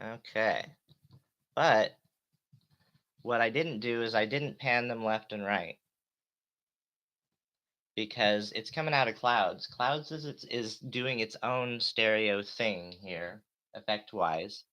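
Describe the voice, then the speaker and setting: A man giving a rambling, hesitant live tutorial, often trailing off and interrupting himself, with a light low-pass filter on his voice. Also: takes it slowly, long pauses, sharp tone, no room sound, muffled recording. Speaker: live streamer and synth tutor.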